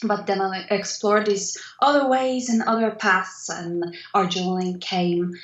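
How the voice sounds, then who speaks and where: A woman's voice: mid-range voice, fairly even intonation, a little slow, echoey room, lo-fi sound. A woman from Poland, a guest artist, talking thoughtfully in a casual interview and laughing easily.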